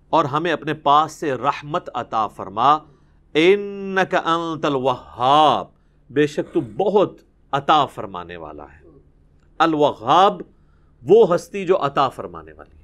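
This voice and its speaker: A man's voice: mid-range voice, a bit bright. A man giving a Quran commentary lecture, explaining verses, reciting Arabic and asking rhetorical questions. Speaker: Islamic preacher.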